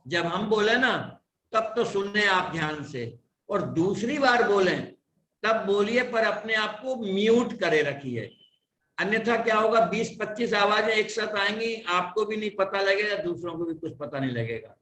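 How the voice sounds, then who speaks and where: A man's voice: high-pitched, expressive, unhurried, a bit bright, recorded from a distance, a little hiss or hum. A man teaching an online class, patiently explaining pronunciation and drilling a recited verse syllable by syllable. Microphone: online class audio. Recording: roomy echo.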